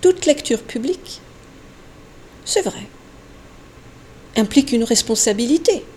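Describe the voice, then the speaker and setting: Woman, poetry recitation, high voice, very slow, halting pauses, soft whispers at times. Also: expressive, a little hiss or hum. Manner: slow, deliberate, halting delivery with long pauses. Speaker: poetry reader.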